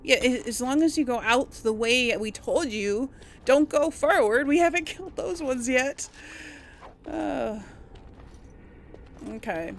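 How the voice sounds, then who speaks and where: A woman with a high voice speaks slowly, pausing often, over video game music and slight background noise. As host of a role-play gaming series, she gives casual, chatty gameplay commentary, talking both to herself and to the game's characters.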